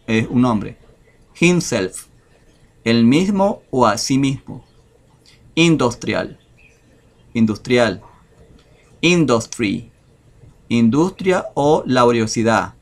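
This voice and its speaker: A man teaching English vocabulary over a screen share, talking in a slow, hesitant way with many fillers. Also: medium pitch.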